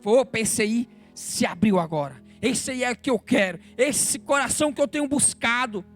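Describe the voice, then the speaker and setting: A Brazilian man preaching a sermon in church, swinging between fervent exhortation and low, intimate confession, with soft instrumental music behind him. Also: lively intonation, moderate pace. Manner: emotional, rises to fervent exhortation then drops low and intimate. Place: church sanctuary.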